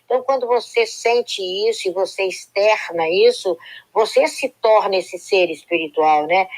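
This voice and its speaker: On a live stream with poor audio, a woman with a mid-range voice gives a reflective spiritual talk. Her long sentences flow, and she often tags on "né" to check in with listeners.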